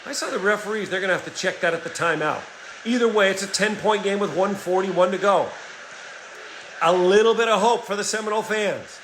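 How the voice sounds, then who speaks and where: A middle-aged man calling a basketball game play by play, energetic and rising in excitement on big plays. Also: high-pitched, fairly quick, a little hiss or hum. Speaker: play-by-play commentator. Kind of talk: play-by-play sports commentary. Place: home setup, voice-over for a replayed game.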